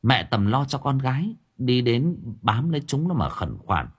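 Husky guy reading a story aloud, lively, lowish voice. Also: normal speed. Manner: expressive storytelling. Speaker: audiobook narrator. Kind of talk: scripted narration.

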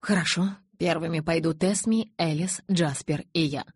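A woman reading an audiobook, voicing a calm, kind male vampire doctor in a soft, gentle tone. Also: deep voice, normal speed, breathy edge, no echo, studio quality. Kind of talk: audiobook character voice.

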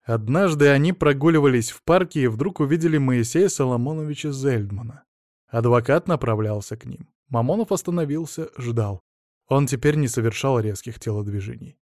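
Man, audiobook narration, measured and even, dry close sound. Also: medium pitch, dry recording. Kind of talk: scripted narration.

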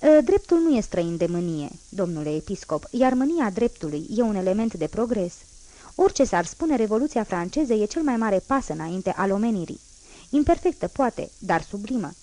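A woman's voice: medium pitch, sing-song, mellow, close to an everyday voice. A woman reading as a proud old revolutionary man. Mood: unyielding. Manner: firm, emphatic declaiming. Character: fierce old male revolutionary, unyielding and proud.

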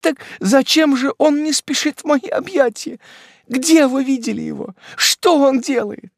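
Man voicing a grief-stricken widowed mother, audiobook, high pleading cries, gravelly, dry sound. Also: a little slow, no echo. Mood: pleading, eager.

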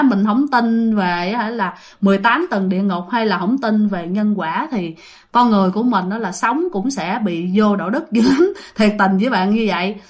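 A woman with a Southern Vietnamese accent, telling ghost stories in a chatty, casual way, repeating phrases and speaking straight to her listeners. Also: on the high side. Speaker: ghost story host. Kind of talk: casual spoken storytelling.

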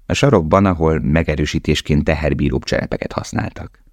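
A man reading an audiobook in a steady, measured narration. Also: extremely low pitch, dry recording, clean studio sound. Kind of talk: scripted narration.

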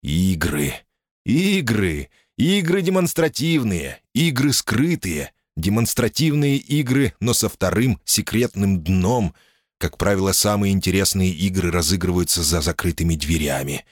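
A wry, guarded man, read by a deep-voiced male narrator, speaks with dry irony and a musing edge. His low voice moves with lively shifts of pitch. The recording is close and dry. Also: measured pace, no room sound. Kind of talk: audiobook character voice.

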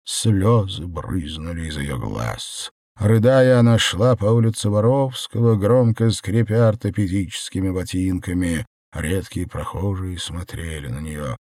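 Low-voiced male audiobook narrator. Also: a little slow, hardly any pauses, no echo, studio quality. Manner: expressive reading. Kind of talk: scripted narration.

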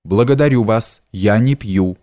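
A man's voice: on the low side, a little slow, warm tone, close to an everyday voice. A man reading the part of a reserved young man in an audiobook, answering in a curt, restrained way. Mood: cold.

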